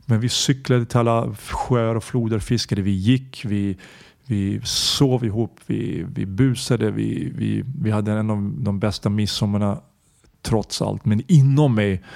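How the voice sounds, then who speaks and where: Brief: podcast host, male, low and gravelly, earnest reflective monologue that gropes for words. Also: darkish tone, no echo, clean studio sound.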